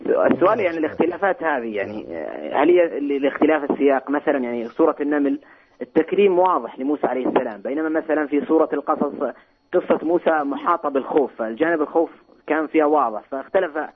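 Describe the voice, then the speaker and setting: A man from Saudi Arabia is heard over the phone, his voice thin and tinny through the line. He talks very fast with a husky, slightly raspy tone. He hesitates and restarts his phrases as he gropes for the right words. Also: fairly high pitch, lively intonation. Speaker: caller to a religious call-in program. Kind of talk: phoned-in question.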